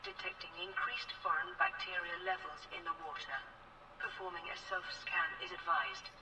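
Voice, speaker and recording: An actor voicing a calm onboard computer that monitors vital signs, giving even, measured status reports through a processed computer voice. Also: medium pitch, vocal fry, highs cut off, background noise. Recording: echoey, distant game audio with music.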